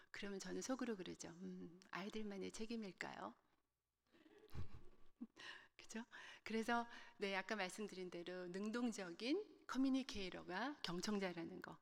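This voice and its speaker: A woman from Korea with a Gyeongsang accent giving a lively, humorous talk to a church group and speaking straight to her listeners. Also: medium pitch, vocal fry. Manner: lively and humorous, addressing the audience directly. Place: church sanctuary. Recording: long reverb of a church hall.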